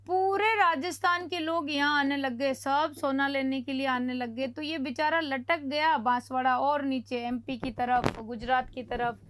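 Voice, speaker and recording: A woman gives a coaching lecture in a high, bright voice. She teaches with playful memory tricks and acts out small scenes to drive the facts home. The sound is dry and close to the mic, with no room echo.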